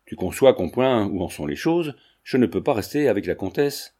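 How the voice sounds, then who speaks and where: A man's voice: lowish voice, sing-song, moderate pace, dark tone. A man voicing a suave, coaxing baron. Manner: smooth, coaxing, unruffled. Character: suave scheming baron, middle-aged man. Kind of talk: audiobook character reading.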